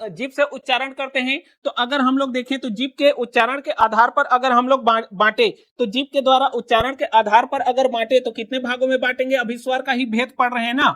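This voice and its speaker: A man's voice: extremely high pitch, sharp tone. Male teacher quizzing his class. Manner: quizzing students, repeating each answer back. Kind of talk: classroom grammar lesson. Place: classroom with students present.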